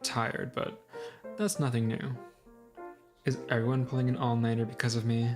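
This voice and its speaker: A woman's voice: rumbling low, little pitch movement, moderate pace, over music. A woman voicing a weary, fatalistic young man who is dying, speaking in a tired, resigned way.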